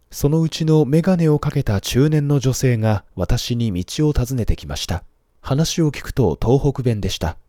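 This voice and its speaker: A man reading a first-person story aloud in a calm, measured narrating manner. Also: medium pitch, no room sound, clean studio sound.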